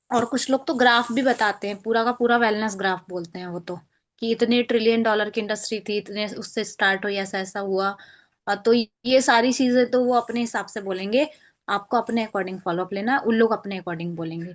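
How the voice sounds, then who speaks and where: Hindi-speaking woman trainer on a video call. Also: on the high side. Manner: explanatory, acts out sample phone calls. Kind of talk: online training class.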